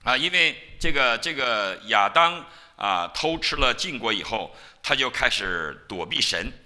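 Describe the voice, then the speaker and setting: Male pastor giving a sermon, very bright forceful voice, animated storyteller. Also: mid-range voice, measured pace. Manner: animated storytelling, acting out biblical quotes. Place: church.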